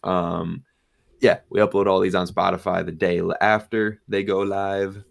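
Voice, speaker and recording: Young male sports show host, deep voice with gravelly fry, laid-back delivery. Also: unhurried. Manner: relaxed, plugs socials and sponsor. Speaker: podcast host. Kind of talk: casual sports chat.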